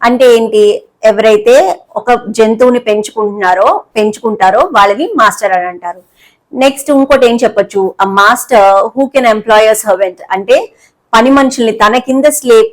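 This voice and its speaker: A woman teaching an English lesson in Telugu, explaining words and repeating key terms slowly. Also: a little high, low-quality recording.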